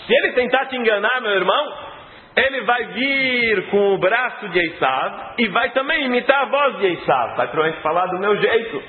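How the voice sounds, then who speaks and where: A man's voice: sits high, animated, normal speed. A man voicing a scheming young man. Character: scheming young man plotting with his father. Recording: tinny phone-like sound in an echoey hall.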